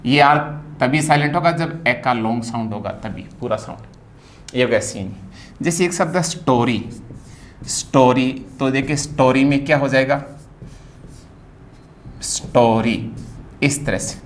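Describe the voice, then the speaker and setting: A man teaching a phonetics lesson, spelling words out and repeating each sound slowly. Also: medium pitch, a little hiss or hum.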